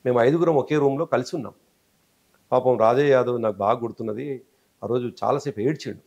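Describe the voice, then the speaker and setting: Gravelly-voiced Telangana man telling a story. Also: medium pitch, quick pace. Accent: Telangana Telugu. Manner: animated storyteller, acts out quoted speech. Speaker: interview guest, politician. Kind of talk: conversational storytelling interview.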